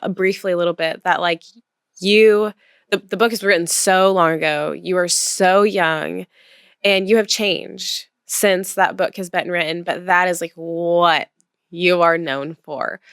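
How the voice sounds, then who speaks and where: A woman's voice: lowish voice, fairly even intonation, measured pace, fairly bright tone, clean tone, no room sound, studio quality. A woman hosting a podcast, asking questions in a friendly, conversational way. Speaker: podcast host. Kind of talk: podcast interview.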